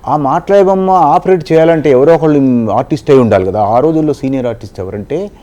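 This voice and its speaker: A man's voice: on the high side, fast talker, warm tone. A middle-aged man from southern India, a ventriloquist and mimicry artist, telling his story in an interview, rambling and restarting phrases. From Khammam region, southern India.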